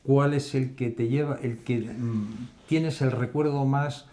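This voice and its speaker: A man's voice: mid-range voice, fairly even intonation, takes it slowly, dark tone. A man hosting a casual interview, asking questions and offering brief affirmations while his guest talks. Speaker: host.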